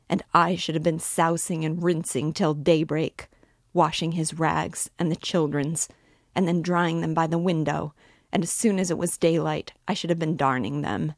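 A woman's voice: low voice, no echo, clean studio sound. A woman voicing a desperate, consumptive poor wife who speaks in bitter, frantic outbursts.

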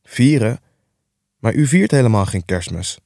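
A man's voice: mid-range voice, lively intonation, unhurried, vocal fry, darkish tone, no room sound. A man voicing a relentlessly cheerful young nephew in an audiobook reading, earnest, upbeat and pleading. The recording is dry and close.

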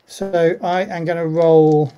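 Slow, hesitant male game master. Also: a little high, steady tone, mellow, clear, resonant tone. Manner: hesitant, halting. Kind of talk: running a tabletop roleplaying game.

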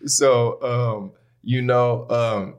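An American man speaks in a mid-range voice, casually and openly. His talk is loose and slangy, as in a relaxed conversation among friends who make music. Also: medium pitch, very slow. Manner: slangy, candid, peppered with "bro" and "you know". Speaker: musician, rapper. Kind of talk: casual podcast-style chat.

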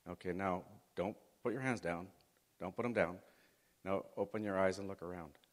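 Speaking at a moderate pace in a low-pitched voice, a middle-aged Chilean-raised man addresses students as a guest speaker. His faith-based talk is folksy, and he guides the audience through an exercise while the large hall adds long reverb.

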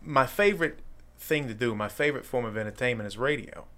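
A man's voice: mid-range voice, fast, pushed and bright. A man chatting casually as an interview guest, effusive and rambling as he goes. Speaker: podcast guest, showman and wrestler.

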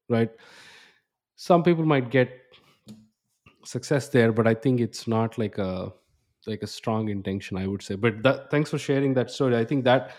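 A man's voice: medium pitch, a little mellow. A man in his thirties hosting a podcast, talking in a reflective, rambling way with restarts. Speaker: podcast host. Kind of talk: casual interview chat.

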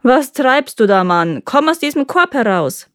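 A woman voicing a shrewd, impatient peasant wife who scolds and gives sharp commands in a storybook reading. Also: fairly high pitch, expressive, normal speed, no echo, clean studio sound, natural voice. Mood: scolding.

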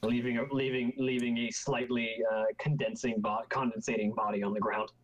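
A man's voice: mid-range voice, level tone, brisk, low-quality recording. A man chatting casually as a player at a tabletop game, declaring his moves.

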